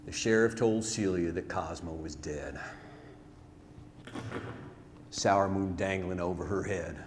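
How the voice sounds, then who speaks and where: In a deep voice at a moderate pace, a man stands on a theatre stage reciting a rhymed story-ballad with dramatic, folksy emphasis. The live recording is noisy and echoes with the hall.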